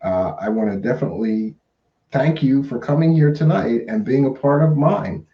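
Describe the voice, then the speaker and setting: A man's voice: mid-range voice, normal speed. A man hosting a live talk show in a casual, chatty, colloquial way. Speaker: live stream host. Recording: roomy, dull lo-fi stream audio.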